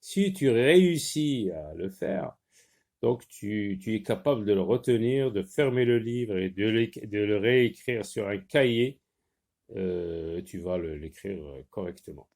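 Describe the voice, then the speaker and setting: A man teaching a spelling lesson, slowly sounding words out and spelling them letter by letter. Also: lowish voice, animated, a little mellow.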